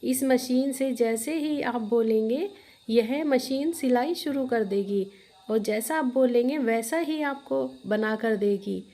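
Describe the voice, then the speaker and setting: A woman's voice: on the high side, takes it slowly, dark tone. A woman voicing a kind magical girl who soothes and explains patiently. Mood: soothing.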